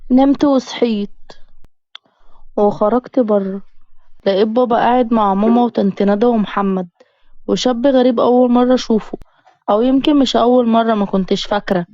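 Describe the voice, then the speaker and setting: A woman's voice: on the high side, steady tone, fairly quick, long pauses, dark tone, no echo, highs cut off. Egyptian woman narrating a tearful story. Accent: Egyptian Arabic. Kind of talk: first-person story narration.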